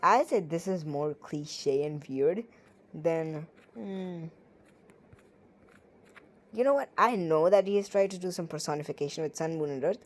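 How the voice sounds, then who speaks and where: A woman's voice: sits low, lively intonation, a little slow, pauses often, slight background noise, low-quality recording. A woman reading poems aloud and reviewing them in casual commentary, with sarcastic, playful, ranting asides. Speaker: poetry reviewer.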